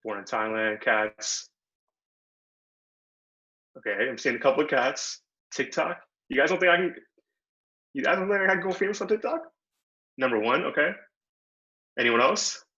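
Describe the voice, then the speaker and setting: This workshop presenter, a young Bangladeshi man, speaks casually and upbeat over a video call, sprinkling in slang and fillers. His medium-pitched voice has lively intonation and a sharp tone, at a moderate pace with long pauses. The video call audio sounds dull and lo-fi.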